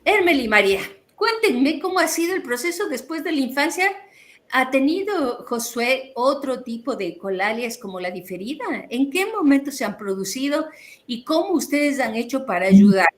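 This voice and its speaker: A woman with a fairly high voice, talking in a measured, explanatory way. She leads the conversation as an interviewer and puts questions to her guests. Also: animated. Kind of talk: explanatory talk.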